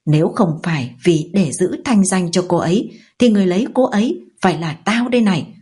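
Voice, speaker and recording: A man's voice: high-pitched, brisk, mellow, husky. A woman voicing an articulate, educated older brother who speaks in a mocking way. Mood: contemptuous. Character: educated older brother, contemptuous, later contrite.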